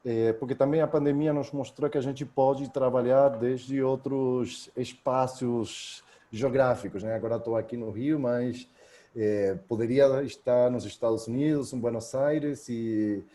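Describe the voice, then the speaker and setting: A man's voice: mid-range voice, fairly even intonation, measured pace, dark tone. A man from Argentina with an Argentine Spanish accent, speaking Spanish-tinged Portuguese as a joking, hesitant guest researcher in a seminar held over a video call.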